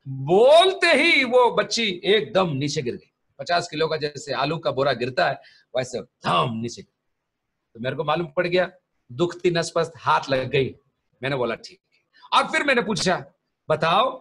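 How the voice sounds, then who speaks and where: Male pastor, high husky voice, teaching sermon with stories. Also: fairly bright tone. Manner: mixes English terms into teaching, tells stories. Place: church.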